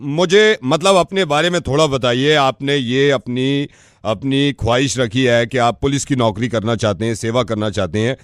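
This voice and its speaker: A man's voice: mid-range voice, smooth, dry recording, studio quality. Formal man posing as an official. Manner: formal, measured, official-sounding. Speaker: prank caller posing as police official. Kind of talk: prank phone call.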